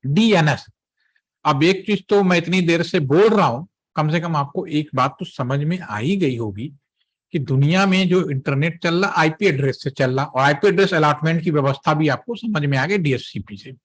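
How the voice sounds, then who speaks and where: A man instructs trainees in a patient, step-by-step lecture. His voice sits a little high for a man, and he keeps pausing to check that everyone is following. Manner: explains step by step, checks in often with "theek hai".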